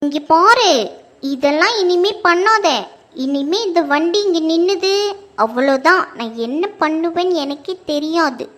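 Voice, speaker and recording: Woman playing a cartoon old woman, very high shrill voice, scolding, threatening. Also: unhurried, fairly bright tone. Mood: angry scolding. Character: quarrelsome old woman neighbour, bossy.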